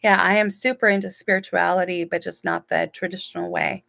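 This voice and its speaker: A woman reading viewer comments aloud on a casual live stream from her room at home, answering each one warmly and softly. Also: lowish voice, fairly even intonation, a little fast, vocal fry. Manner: warm, chatty, reads comments aloud and responds softly. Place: home room with curtains and sunlight.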